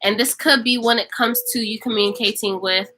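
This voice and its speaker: Woman doing a chatty tarot reading, bright sharp voice, acts out what people say. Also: on the high side, fairly even intonation, a little fast, soft background music, low-quality recording. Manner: emphatic, repeats phrases for stress; acts out imagined speech. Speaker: tarot reader. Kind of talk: casual tarot reading to camera.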